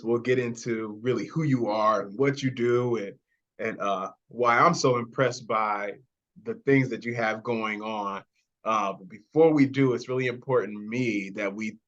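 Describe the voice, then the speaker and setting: A man's voice: mid-range voice, fairly bright tone. Upbeat man podcast host, slightly muffled. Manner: upbeat, enthusiastic, frequent praise. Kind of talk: casual interview chat.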